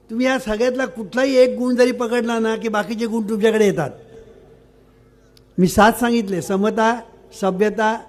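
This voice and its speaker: An older man, a spiritual teacher, giving a sermon-like discourse and telling a parable. He repeats key words and keeps asking whether listeners have understood. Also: high-pitched.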